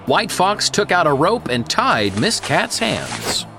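A narrator telling a children's cartoon story in an expressive, dramatic way. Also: medium pitch, slow, gravelly. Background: background music.

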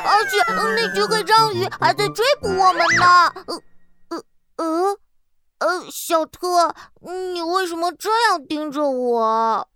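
A woman voicing a timid, bookish young child space traveller who stammers and gets excited in a children's audio drama. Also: very high-pitched, a little slow, exaggerated voice. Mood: worried. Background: prominent children's music.

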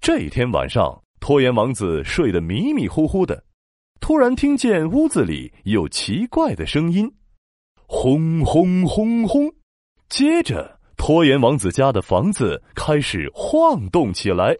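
A man narrating a children's story in a dramatic, expressive storytelling manner. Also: mid-range voice, unhurried, dry recording, clean studio sound. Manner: dramatic, expressive, with sound-word emphasis.

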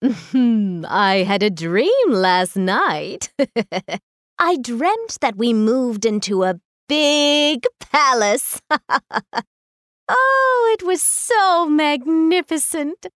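A woman's voice: sits high, big pitch swings, drawn-out words, a bit bright, no room sound, studio quality, exaggerated voice. Woman playing a greedy nagging old wife. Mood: scheming. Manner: scolding, whiny. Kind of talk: children's audio storybook acting.

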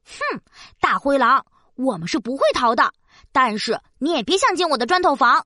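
A woman's voice: high voice, expressive, normal speed, pushed and bright, no room sound, clean studio sound, exaggerated voice. A woman voicing a confident, sensible young piglet in a children's story, childlike and firm. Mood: defiant. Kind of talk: children's audio story acting.

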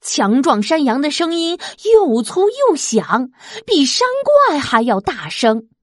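Slow, expressive woman reading a storybook. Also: high voice, no echo, clean studio sound. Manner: slow, lively, expressive, sound effects.

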